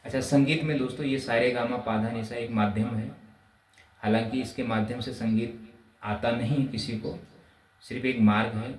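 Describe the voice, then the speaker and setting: A man gives a spoken music lesson and explains each point with patient care, often turning to his viewers as friends. His voice sits at an ordinary middle pitch. He sounds a bit far from the mic in a roomy, echoing space with a faint hum of ambience behind him. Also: fairly even intonation, normal speed. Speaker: music teacher.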